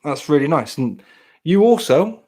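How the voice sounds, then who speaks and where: Warm and a little high, this man's voice has a sing-song, unhurried quality. He's a thirty-something podcast host in casual conversation who rambles, mocks himself, and frequently starts his sentences over.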